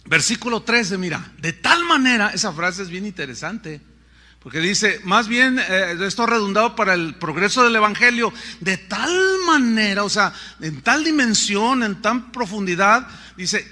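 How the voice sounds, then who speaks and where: A man's voice: high voice, lively intonation, normal speed, bright, forceful tone. A middle-aged man, preaching a sermon with rhetorical questions and playful asides. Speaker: pastor.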